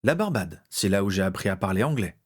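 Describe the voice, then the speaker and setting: A man voicing a polite, composed undercover policeman who speaks in a courteous, measured way. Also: low-pitched, very animated, slightly rough, heavily acted.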